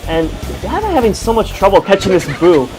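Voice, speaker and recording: A man with a high voice, big pitch swings and a quick pace rambles through let's-play commentary on an earphone headset mic, with poor audio. He's casual, full of fillers and self-deprecating asides, while game music plays behind him.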